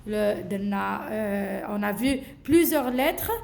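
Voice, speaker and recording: A woman teacher, slowly and patiently running a phonics lesson for children and repeating each sound. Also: medium pitch, animated, vocal fry, darkish tone, slight background noise. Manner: slow, patient, repeats sounds with many checks of "d'accord?".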